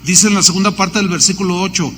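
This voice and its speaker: A Mexican pastor preaching in a large church hall, his voice high and bright. He stacks up lists and tells stories with lively energy. The hall's long reverb carries over a faint hum of background noise. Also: fast. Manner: animated preaching with lists and storytelling asides. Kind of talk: sermon.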